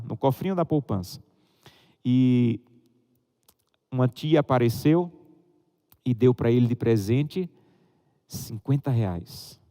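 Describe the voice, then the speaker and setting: A Brazilian man preaching a sermon, telling stories and acting out the voices of the people in them. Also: in a large hall. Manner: animated storytelling, acting out a child's high excited voice. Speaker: pastor. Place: church hall.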